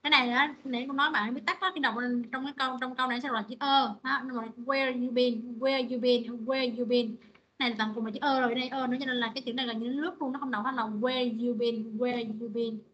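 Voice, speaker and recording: A woman leads an online English pronunciation lesson. She repeats each phrase several times and calls students up by name. Her voice sits a little high, and the call audio sounds slightly muffled. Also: fairly even intonation, racing, few pauses, bright, forceful tone. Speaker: English teacher.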